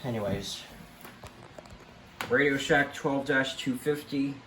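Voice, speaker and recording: The collector's medium-pitched voice sounds reverberant in his radio-lined room as he gives a loose, unscripted home video tour. He speaks in fits and starts, trailing off at the end of each thought, with a weather radio broadcast and clear room noise behind him.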